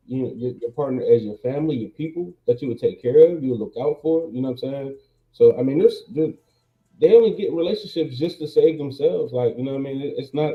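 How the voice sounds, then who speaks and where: A man speaking on an online call whose voice comes through muffled, as if through a wall, with many fillers and restarts. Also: medium pitch. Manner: thinks aloud, frequent fillers and restarts. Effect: muffled, as if heard through a wall. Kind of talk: casual opinion talk. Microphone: remote call mic with something covering it. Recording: muffled, phone-like, echoey mic.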